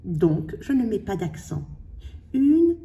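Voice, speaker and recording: A woman teaching a spelling lesson, slowly sounding out syllables and letters for her pupils. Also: mid-range voice, expressive, dark tone, distant mic, lo-fi sound. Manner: slow, carefully sounding out syllables.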